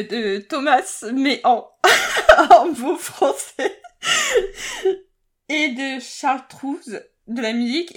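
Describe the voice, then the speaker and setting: A woman hosting a casual podcast chat, often tripping over words, correcting herself and laughing. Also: high voice. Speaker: podcast host.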